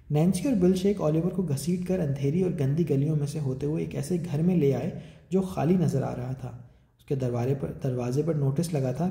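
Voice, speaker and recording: Guy reading a storybook, kinda high-ish but really dark mellow tone, big echoey room. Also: vocal fry. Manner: raises pitch and volume for characters' lines. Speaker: audiobook narrator. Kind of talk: storybook narration with acted dialogue. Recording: echoey room with long reverb.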